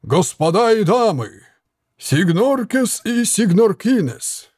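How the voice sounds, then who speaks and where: A man voicing a bearded puppeteer barker calling out rhyming fairground patter slowly and loudly. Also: sits high, sing-song, breathy edge, voice pushed up, exaggerated voice. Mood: proclaiming.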